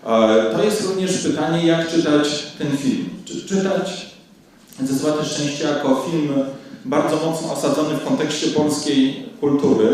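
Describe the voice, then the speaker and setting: A man giving a spoken lecture on film as a scholar, measured and reflective with frequent hesitations. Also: on the high side, darkish tone, recorded from a distance. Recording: very echoey room, voice off-mic.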